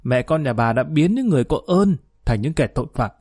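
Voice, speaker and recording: A man's voice: medium pitch, animated, a little fast, a little mellow, husky, no echo, clean studio sound, faint music behind. A man reading a cold, stern rich father. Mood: cold scolding. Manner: cold, scolding, threatening.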